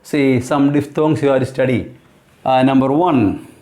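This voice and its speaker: A man teaching a class and pronouncing vowel sounds. He repeats words slowly and keeps asking his students questions. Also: medium pitch, fairly even intonation, mellow. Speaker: English teacher. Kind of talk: classroom lesson at a blackboard. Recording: roomy echoing classroom.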